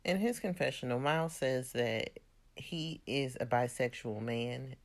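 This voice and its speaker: Casual recap host, chatty, opinionated, conversational fillers, mid-pitched voice. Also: a little slow. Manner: loose, conversational with frequent "like" and "you know".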